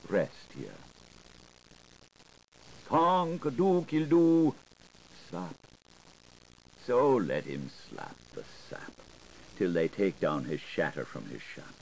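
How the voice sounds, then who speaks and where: On a rough 1980s recording with a little hiss or hum, a man reads a literary audiobook in a theatrical, deliberate, almost incantatory style, toying playfully with the wordplay. His voice is lowish and somewhat dark in tone.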